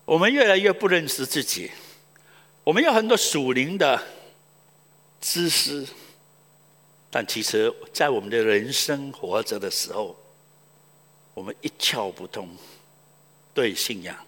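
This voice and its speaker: A male pastor preaching a sermon, telling stories with loud exclamations and hushed asides. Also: mid-range voice, measured pace, pauses often, long reverb tail. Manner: animated storytelling, swings between loud exclamations and hushed asides.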